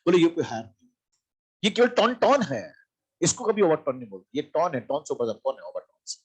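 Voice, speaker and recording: Husky male teacher, fairly high voice, lecturing with repeated questions and answers. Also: sing-song, fast, darkish tone. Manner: asks questions and answers them himself, repeats key terms. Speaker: physics teacher. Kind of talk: classroom lecture.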